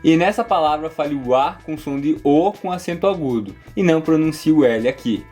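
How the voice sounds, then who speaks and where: A Brazilian English teacher talks through a video lesson in a slightly high voice, slowing down to model the words. Soft guitar music plays behind him. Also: male voice, animated. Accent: Brazilian Portuguese. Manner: clear, slows down to model words.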